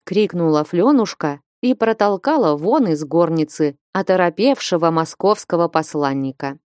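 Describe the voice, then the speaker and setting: Mellow-voiced woman narrating an audiobook. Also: fairly low pitch, animated, normal speed, dry recording, studio quality. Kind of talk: scripted narration of a classic novel.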